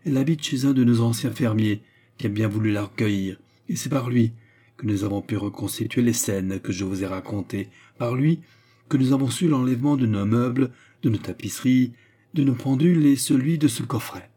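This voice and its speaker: A man voicing a composed, politely ironic French gentleman in a storybook reading, with a mellow, husky voice. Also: medium pitch, a little fast, close to an everyday voice. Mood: calm courtesy. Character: calm, courteous French gentleman.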